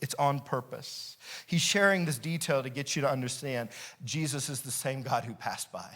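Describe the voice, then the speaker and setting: A man's voice: medium pitch, moderate pace, a bit bright. A man preaching a sermon as pastor, repeating key phrases and building intensity, sometimes laughing as he explains. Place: church sanctuary.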